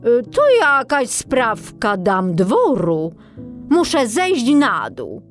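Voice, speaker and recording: A woman's voice: on the high side, huge pitch swings, extremely slow, faint music behind, voice pushed up, heavily acted. Woman doing a fussy old emperor. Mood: puzzled. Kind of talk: storybook reading.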